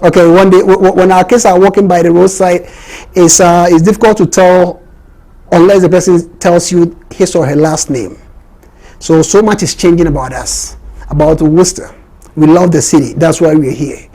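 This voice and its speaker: A man's voice: high voice, fairly even intonation, normal speed, dark tone, poor audio. A man from Ghana hosting an interview, often repeating words and restarting his sentences. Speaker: host.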